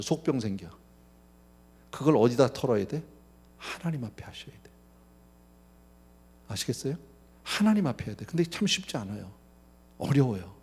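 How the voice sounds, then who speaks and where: A middle-aged man, a pastor preaching a midweek sermon, lively and conversational, often addressing the congregation and acting out angry complaints. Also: mid-range voice, breathy edge.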